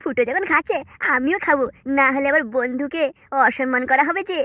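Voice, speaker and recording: Super high pitched-up drunk village lad, cartoon, sharp, mouthy, cocky. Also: male voice, fairly quick, no echo, studio quality. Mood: eager, cheeky. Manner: foul-mouthed, blustering. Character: crude, hot-headed, drunken young village man, boastful. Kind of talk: comic cartoon voice acting.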